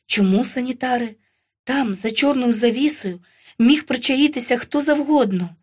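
Woman reading a novel aloud, dramatic, ironic, kinda high pitched. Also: moderate pace, a little mellow, husky. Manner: dramatic, tense, ironic storytelling. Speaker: audiobook narrator. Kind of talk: first-person novel narration.

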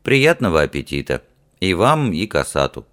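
A man reading an audiobook, voicing a troubled young nobleman who speaks low and muted. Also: very animated, moderate pace, a bit bright.

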